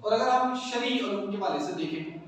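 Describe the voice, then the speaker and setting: A man teaching a religious class with a high, carrying voice. He talks in an animated way and keeps asking his listeners rhetorical questions. He was recorded from a distance in a long, reverberant hall with faint noise behind. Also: moderate pace. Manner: animated, asks the class rhetorical questions, mixes in English words. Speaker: Islamic lecturer teaching a class.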